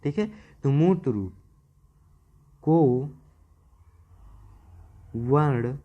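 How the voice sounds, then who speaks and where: On a muffled recording, a man with a medium-pitched voice and moderate pace gives a Hindi grammar lecture. Repetition marks his style: he restates key terms, stretches words to emphasize them, and asks questions he then answers.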